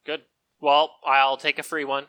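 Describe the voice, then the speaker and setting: A man's voice: fairly high pitch, flat delivery, unhurried, pushed and bright, no echo. A man on a podcast who talks bluntly, swears constantly and sounds exasperated in casual banter.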